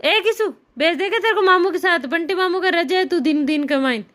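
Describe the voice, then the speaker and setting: A woman chats on a home vlog, teasing and coaxing small children in a high voice. She talks to them with playful, soothing encouragement. The home recording has background noise. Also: a little fast, fairly bright tone. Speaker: vlogger mother. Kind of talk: casual family vlog chat.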